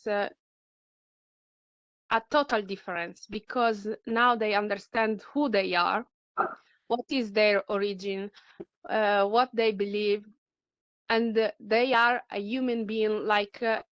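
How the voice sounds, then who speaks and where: A middle-aged woman speaks English, taking her time and pausing often to search for her words. Her voice comes through smooth and clear, though the recording itself is dull and lo-fi. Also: medium pitch, fairly bright tone, no room sound. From Italy. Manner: halting, searching for words, many fillers. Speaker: speaker sharing personal experience. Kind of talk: personal testimony at a talk.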